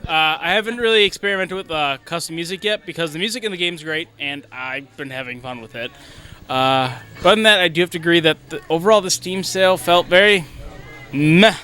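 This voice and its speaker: A man's voice: fairly high pitch, a little fast. A man co-hosting a gaming podcast, rambling casually with lots of fillers. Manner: relaxed, filler-heavy rambling. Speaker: podcast co-host. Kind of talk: casual chat.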